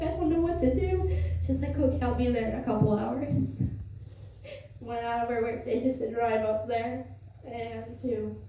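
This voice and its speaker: A young woman gives a tender, informal eulogy with halting pauses. Her voice is high, and it comes from well away from the mic in a muffled recording with some noise. She tells it like a personal story to those gathered. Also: mellow. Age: young adult. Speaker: daughter giving a eulogy. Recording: echoey room, distant muffled mic, noisy.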